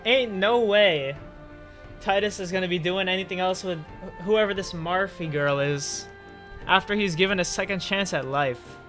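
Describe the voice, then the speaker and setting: Over background music, a man with a somewhat high, slightly bright voice reads forum posts at a moderate pace. He's a game streamer reacting on a livestream, keeping it loose and full of slang.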